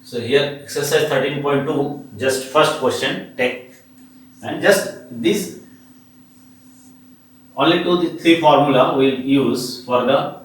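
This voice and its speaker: Slow Indian-accented male teacher in echoey room. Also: medium pitch. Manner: repetitive, poses questions and answers them himself. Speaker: maths teacher. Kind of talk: classroom lesson, explaining step by step. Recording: echoey room, distant mic, faint noise.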